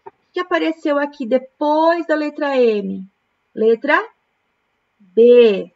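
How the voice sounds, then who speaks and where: A Brazilian woman teaching young children in a recorded lesson, talking very slowly and patiently with a slightly high voice. She breaks words into syllables as she corrects exercises, and the recording sounds a little dull and lo-fi. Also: animated, creaky. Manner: slow, patient, syllable-by-syllable explanation. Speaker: primary school teacher.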